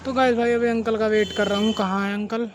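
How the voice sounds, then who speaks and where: A man's voice: high voice, little pitch movement, fairly quick. Chatty young man vlogging at home. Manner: chatty, keeps repeating "bhai" and "theek hai"; drops to a hushed voice at night. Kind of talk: casual daily vlog narration. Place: family home and rooftop. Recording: noisy home phone recording.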